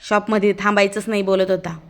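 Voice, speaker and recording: A woman's voice: mid-range voice, flat delivery, fast. A woman giving a chatty, amused running commentary as a casual vlog voice-over, narrating as the child's aunt.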